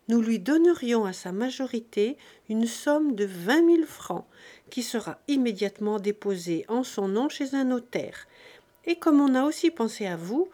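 A woman voicing a calm, well-off gentleman who makes a measured, careful offer. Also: fairly high pitch.

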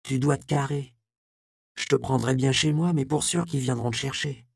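A man reading an audiobook, voicing a loyal young prostitute who speaks in hurried, urgent slang. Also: mid-range voice, vocal fry, dry recording, studio quality, pitched above the performer's own voice. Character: young street woman, frantic, loyal, crude slang.

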